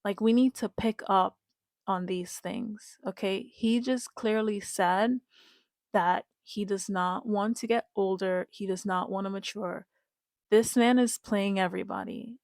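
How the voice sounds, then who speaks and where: A woman's voice: medium pitch, fairly even intonation, unhurried, darkish tone, no room sound. A woman giving casual, emphatic commentary to her viewers, repeating her points and speaking to them directly. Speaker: reality-show commentator.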